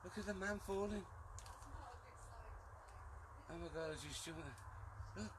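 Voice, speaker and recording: A man chatting casually as a paranormal investigator on a live stream out in the woods, a little jittery and quick to exclaim. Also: sits high. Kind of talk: casual live ghost-hunt chat. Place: outdoors in woods at night. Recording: faint noise, handheld live stream outdoors.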